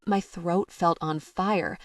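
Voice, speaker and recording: Woman, romance audiobook narrator, wry and expressive, lowish voice, dry and distant sound. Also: slow, dry recording. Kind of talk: first-person romance narration.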